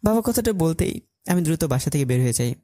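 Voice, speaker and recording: A man's voice: fairly high pitch, very animated, quick pace, warm tone, no echo, clean studio sound. A man narrating a dramatic first-person story in an urgent, emotional way.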